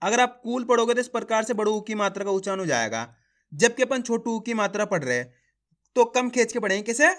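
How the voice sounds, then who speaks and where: A man's voice: high-pitched, expressive, fairly quick, fairly bright tone. A man teaching a beginner reading lesson, calling viewers his friends and drilling syllables over and over.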